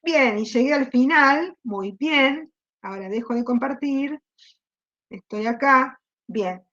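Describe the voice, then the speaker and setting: A woman's voice: sits high, takes it slowly, fairly bright tone. A woman with an Argentine accent, a university teacher giving an online class, explaining patiently and asking the students questions. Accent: Rioplatense Spanish. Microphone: computer mic on a video call. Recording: dull lo-fi video call audio.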